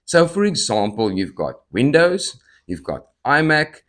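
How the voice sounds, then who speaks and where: A man's voice: fairly high pitch, very animated, measured pace, a bit bright. A man in his thirties hosting a podcast, telling personal stories, jumping from one topic to another and acting out quoted conversations, with tics breaking into his speech now and then. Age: 30s. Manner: jumps between topics, acts out quoted dialogue; tics and sudden outbursts mid-speech. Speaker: podcast host. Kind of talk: personal storytelling monologue.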